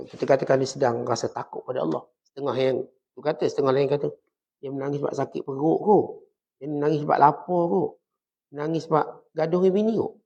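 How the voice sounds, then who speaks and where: Gravelly Malaysian man giving a religious lecture. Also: fairly high pitch, warm tone. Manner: conversational, humorous examples, talks to his listeners. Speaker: religious teacher. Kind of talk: mosque lecture on Sufism. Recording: dull lo-fi lecture recording.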